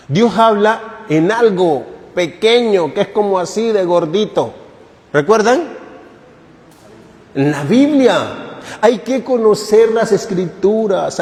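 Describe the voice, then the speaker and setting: A man's voice: sits high, a little mellow, in a large hall. A man who is a priest, giving a catechesis sermon at a retreat in a conversational, joking way and putting questions to the congregation. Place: parish church.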